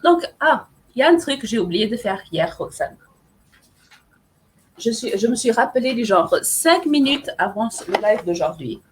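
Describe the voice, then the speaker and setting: Joining a casual live chat as an author guest, a native Portuguese speaker from a Portuguese-speaking country teases and pokes fun at herself. Her fairly high voice has a sing-song lilt at a normal speed, with a little hiss or hum in the audio.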